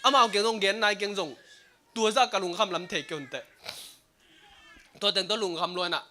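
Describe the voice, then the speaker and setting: High, bright-voiced male preacher. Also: a little fast. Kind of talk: sermon. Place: church service streamed online.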